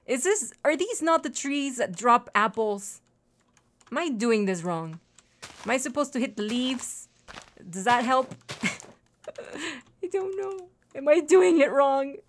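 A woman with a high-sitting voice and lively intonation speaks slowly, pausing often, over slight background noise. She hosts a gaming channel and gives casual let's-play commentary; Spanish is her first language, and she's chatty and apologetic, talking to viewers and to the game's animals and trees.

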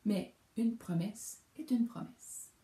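A woman's voice: medium pitch, slow, dark tone, pitched above the performer's own voice. A woman voicing a big, grumpy, stubborn male bear in a storybook reading, with a grumbling, protesting manner, recorded in an echoey room.

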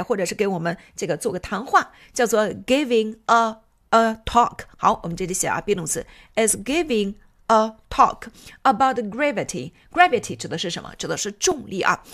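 A woman's voice: mid-range voice, fairly bright tone. A woman teaching an English grammar lesson, patiently explaining step by step, asking rhetorical questions and switching between Chinese and English example sentences.

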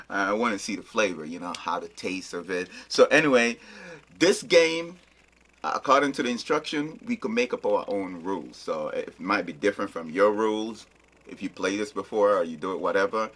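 Husky, animated man eating jelly beans. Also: lowish voice, normal speed. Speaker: vlog co-host playing a taste challenge. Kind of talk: casual playful challenge chat.

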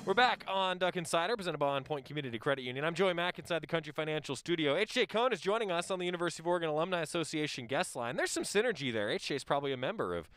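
A man's voice: on the high side, expressive, rapid-fire, few pauses, a bit bright, clean tone, dry recording. A man hosting a casual sports talk show on a headset mic in a studio. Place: small sports radio studio.

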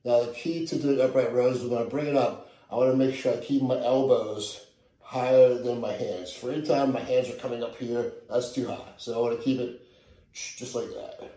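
The low-quality, reverberant recording captures a middle-aged fitness coach in his living room from a camera a few meters away. He has a mid-range voice at a moderate pace and talks through the home workout in a laid-back, casual style.

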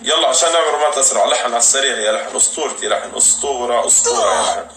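A man doing fast, teasing live game commentary while hosting custom rooms and cheering players on. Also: mid-range voice, slight background noise. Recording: roomy, distant mic, loud music.

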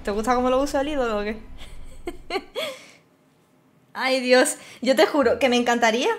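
A woman's voice: on the high side, quick pace. A woman with a Spanish accent from Spain, streaming a game with casual commentary, swearing and laughing as she plays. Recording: faint game music behind.

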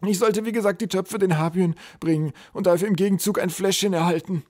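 A man voicing a terrified, whimpering male pack troll who pleads in a high, trembling voice. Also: fairly even intonation, fairly quick, a little mellow, natural voice. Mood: pleading.

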